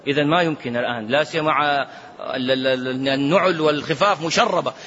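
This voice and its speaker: Speaking quickly, this high, bright-voiced man is a sheikh issuing religious rulings in a spirited lecture. He alternates loud and soft delivery and intones recitations, captured on a muffled lo-fi recording with slight noise.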